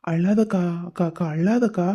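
A woman's voice: on the low side, normal speed, mellow, husky, dull audio. A woman voicing a caring, playful young man in a cartoon, coaxing and teasing his crying older sister in a chatty way. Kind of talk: Tamil cartoon voice acting.

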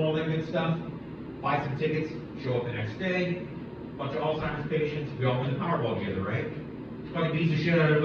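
A man's voice: fairly high pitch, noisy background. A middle-aged man doing laid-back open mic stand-up on a small club stage, acting out dialogue and swearing often. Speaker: stand-up comic. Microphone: handheld mic, filmed from far back in the audience. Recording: echoey club, distant and muffled.

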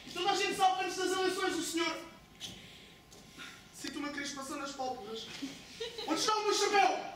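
A nervous hypochondriac young landowner, played by a woman with a European Portuguese accent, quarrelsome and quick to complain in a stage play. The voice sits high and comes from across a very echoey hall. A steady hiss of noise sits behind it. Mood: ailing. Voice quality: agitated, quarrelsome, complaining of palpitations. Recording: echoey hall from far off, noisy.

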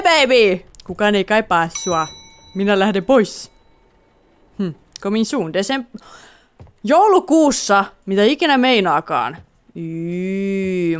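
A woman's voice: mid-range voice, a bit bright. A woman giving playful let's play commentary with a Finnish accent, giggling often and talking to the game character. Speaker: gaming YouTuber.

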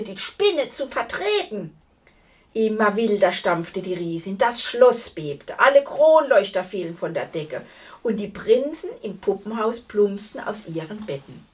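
Lady reading a kids story, slow and lively, mic kinda far off. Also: mid-range voice. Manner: expressive, addresses the listeners directly. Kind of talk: reading a fairy tale aloud to children.

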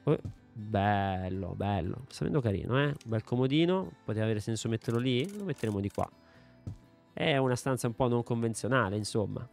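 A man's voice: mid-range voice, brisk, creaky, darkish tone, faint music behind. A young man commenting casually while playing a game, joking, talking to himself and swearing freely. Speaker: gaming video creator. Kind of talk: let's play commentary.

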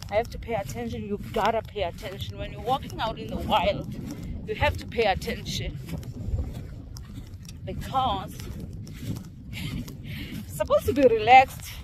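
A woman's voice: medium pitch, measured pace, long pauses. A middle-aged South African woman chatting casually while she walks her farmland, filming herself with a phone held at arm's length. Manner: chatty, rambling asides, laughs easily. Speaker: vlogger. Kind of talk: casual walking vlog. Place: outdoors on dry rural farmland, windy. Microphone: handheld phone at arm's length. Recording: outdoor wind and ambient noise.

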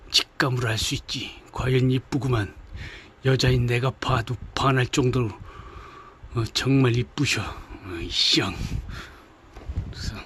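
A man's voice: medium pitch, fairly bright tone, a little hiss or hum. A man telling a comic love story in a playful, chatty way with wry asides.

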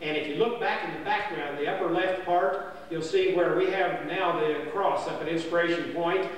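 Here an older male storyteller at camp recounts a bit of history in a homespun, meandering style, stumbling and filling gaps as he goes. His voice is slightly high and even, moving at an ordinary speed, captured indoors by a distant camera in a dining hall with roomy echo and a faint hum.

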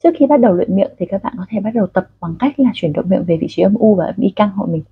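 A Vietnamese-accented woman leads an online pronunciation drill, guiding learners in a friendly, direct way. Her voice is breathy and sits in an ordinary middle pitch. The recording sounds muffled and lo-fi. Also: animated, fast talker. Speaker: English pronunciation teacher.

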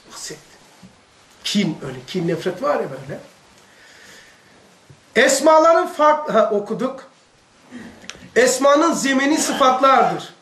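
A man's voice: very high-pitched, fairly bright tone. A man with a Turkish accent giving a spiritual lesson to a gathering, talking conversationally and turning to his listeners with direct questions. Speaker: religious teacher. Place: room with a gathered audience. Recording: echoey room.

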